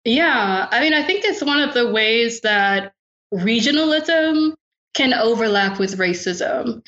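A woman philosopher from the American South, answering interview questions in a relaxed, thoughtful way. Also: fairly high pitch. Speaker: philosopher guest. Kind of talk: podcast interview. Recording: roomy, dull lo-fi sound.

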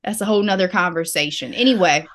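A woman's voice: lowish voice, fast. An American woman co-hosting a casual chat podcast, reading headlines and riffing with slang. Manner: reads headlines then riffs with slang. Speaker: podcast co-host.

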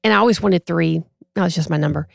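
Gravelly-voiced woman telling a story. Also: fairly low pitch, quick pace, dry recording, clean studio sound. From Texas. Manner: animated, acts out quoted voices. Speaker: podcast guest. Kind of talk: casual storytelling.

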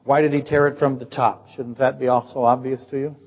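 This older pastor speaks fairly quickly with a husky, medium-pitched voice and a flat delivery. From the church sanctuary, he peppers his congregation with rhetorical questions to teach them, captured in a dull, echoey recording.

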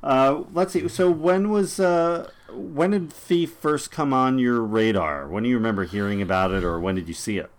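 A man's voice: medium pitch, normal speed, few pauses. A man in his forties hosting a casual film podcast, rambling and laughing often. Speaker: podcast host.

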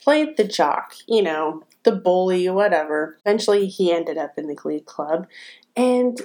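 A woman's voice: fairly low pitch, animated, measured pace, darkish tone. A woman chatting casually as a podcast co-host, with a slight whistle on her s sounds from wearing braces. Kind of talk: casual conversational podcast talk.

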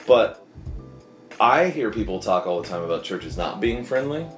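Chatty deep-voiced man in a roomy space. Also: big pitch swings, moderate pace, faint music behind. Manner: chatty, jokey, many fillers like "like" and "uh". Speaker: podcast host. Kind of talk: casual interview chat.

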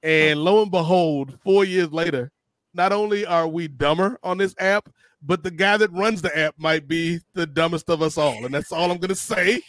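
A man's voice: on the high side, moderate pace, a bit bright, dry recording. A man hosting a podcast in casual chat, rambling and joking as he passes questions to guests. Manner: rambling, joking, laughs at his own jokes. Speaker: podcast host.

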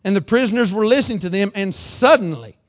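A man preaching a sermon, reading scripture aloud and calling for amens, swinging between loud emphatic lines and low earnest ones. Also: expressive, quick pace.

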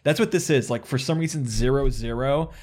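A man guesting on a podcast, telling rambling, animated stories and laughing often. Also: medium pitch, brisk. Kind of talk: casual gaming podcast chat.

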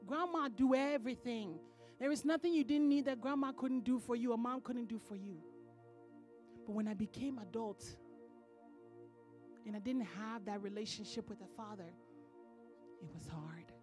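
High-voiced woman minister preaching. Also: dark tone. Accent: non-American English. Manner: preaching with rising emphasis and laughter. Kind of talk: sermon. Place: church.

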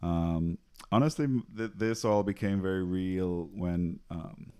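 A Trinidadian physician and researcher in his forties chats casually as an interview guest, laughing often and full of ums and restarts. His voice is low and darkish with a clean tone, and he speaks a little slowly.

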